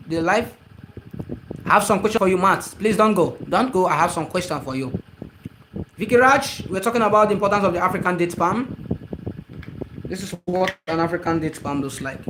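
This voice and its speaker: A man with a Nigerian accent and a notably high voice chats on a live stream, repeating words and phrases as he greets viewers and answers their questions one by one. His first language is Igbo. Steady traffic noise runs behind him on a noisy recording. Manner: repetitive, reads out and answers viewer comments.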